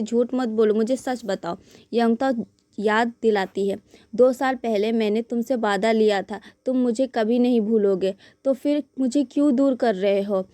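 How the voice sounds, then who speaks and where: A woman's voice: a little high, warm tone, dry recording. A woman with an Indian accent narrating a drama recap, retelling the scenes and reading each character's lines in her own plain storytelling voice.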